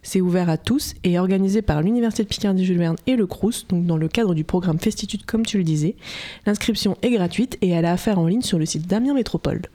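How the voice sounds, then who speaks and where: A woman reads out local news items on a radio show. Her voice is mellow and warm, and her delivery is steady and scripted, with quick corrections when she trips over a word. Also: fairly low pitch. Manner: steady scripted reading, self-correcting on slips.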